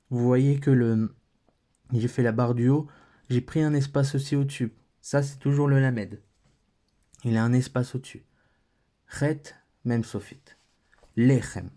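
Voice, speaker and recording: Slow, patient French-accented man teaching. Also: medium pitch, dark tone. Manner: patient, thinking aloud with fillers. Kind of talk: slow step-by-step lesson.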